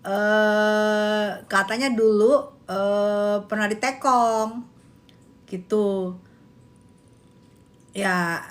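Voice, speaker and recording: A woman's voice: medium pitch, steady tone, very slow, long pauses. A woman chatting casually in gossip style, laughing a lot and exclaiming often in slangy talk. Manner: uses Jakarta slang. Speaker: gossip vlogger. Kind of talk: casual gossip chat reacting to viewers.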